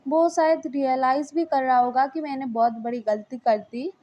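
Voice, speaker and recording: A woman voicing a lovesick young man who begs softly and tearfully, in a muffled lo-fi recording. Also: sits high, steady tone, normal speed, natural voice. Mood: pleading. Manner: soft begging, tearful.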